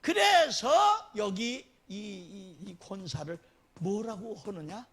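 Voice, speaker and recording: A man preaching a sermon as a guest pastor, animated and often laughing as he tells stories. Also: takes it slowly, slightly rough. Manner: animated, laughing, dramatic swings in pitch.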